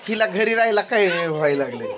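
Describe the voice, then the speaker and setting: A man's voice: high-pitched, expressive, fast talker, crowd noise. A man, chatting at home in a family vlog and teasing and scolding in turns. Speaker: family vlogger. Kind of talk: casual family chat on camera.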